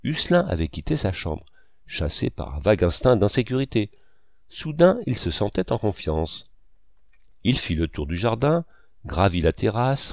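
A man reads a literary novel aloud in a measured, expressive way. His low voice rises and falls with lively inflection. He is close to the microphone in a dry, dead sound. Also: vocal fry, dry recording. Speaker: audiobook narrator. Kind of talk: literary audiobook narration.

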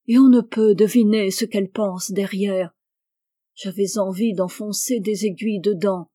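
Jealous tormented husband, voiced by a woman, audiobook drama, intense outbursts, dry close sound, mellow tone. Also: medium pitch, dry recording. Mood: raging, obsessive. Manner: intense, obsessive, flares into vehement outbursts. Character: jealous, tormented husband raging over his wife.

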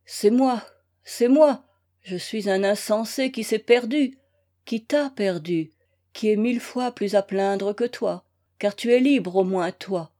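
A woman reading a novel aloud and voicing a young gentleman torn by remorse over a lost love, curt at first and then desperate. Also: mid-range voice, takes it slowly, natural voice. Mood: remorseful. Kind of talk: read-aloud novel, acted dialogue.

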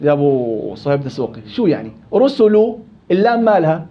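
A man teaching a live Quran recitation class in Levantine Arabic, questioning students and drilling examples slowly and repeatedly. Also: a little high, very animated, dull audio.

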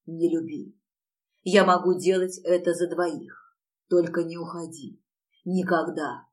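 Hoarse pleading young man, read by a woman. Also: on the low side, slow, far from the mic.

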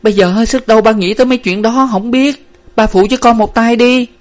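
A man's voice: very high-pitched, steady tone, quick pace, voice pushed up. A man voicing a tearful young daughter. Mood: pleading tearful. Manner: pleading, tearful, urgent. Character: distraught young woman, frightened grieving daughter.

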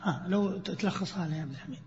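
A man teaching a grammar lesson, questioning his students and reciting verses slowly. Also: sits high, darkish tone. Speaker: sheikh teaching Arabic grammar. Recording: dull lo-fi sound, long hall reverb.

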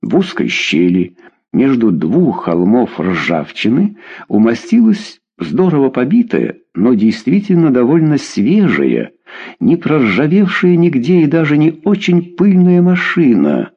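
A man narrating an audiobook with expressive storytelling. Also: medium pitch, a little slow, slightly rough, muffled recording.

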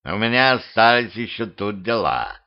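A sly male wizard teases and hints at surprises with a raised, mocking lilt, as a male reader acts him out. He talks with a slow, knowing drawl. The audiobook sound is dull and lo-fi. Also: on the low side, lively intonation, natural voice. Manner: mocking, teasing.

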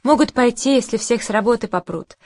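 A blunt, cynical guest who jabs at the others, as a woman narrator voices him. Her fairly high voice is recorded close and dry. It is an audiobook dialogue scene. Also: fairly quick, darkish tone, no room sound, close to an everyday voice. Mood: needling. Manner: needling, blunt. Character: needling, cynical man at a party.

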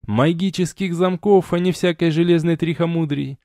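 A man reads a fantasy audiobook in the first person, wry and ironic. His voice is dark and mellow. The recording is dry and close. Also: fairly high pitch, steady tone, moderate pace, no room sound. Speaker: audiobook narrator.

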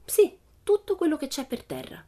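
A woman reading a storybook, voicing a wild, boastful little girl in a high, lively voice. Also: normal speed. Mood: excited. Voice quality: boastful, exuberant, cheeky. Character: wild cheerful girl adventurer. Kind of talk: audiobook character voice.

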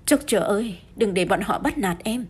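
A woman's voice: medium pitch, expressive, moderate pace, husky. A woman voicing a frightened, flustered young wife who pleads and stammers, in an audiobook. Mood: pleading.

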